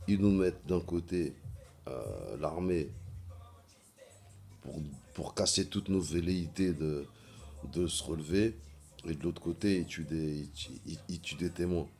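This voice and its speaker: A man vlogging in a casual monologue, halting often with fillers and repeating words as he searches for them. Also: rumbling low, a little mellow.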